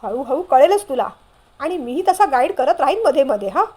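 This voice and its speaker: A woman's voice: high-pitched, very animated, brisk, darkish tone. A woman voicing a cheerful younger brother who teases and reassures in a playful way.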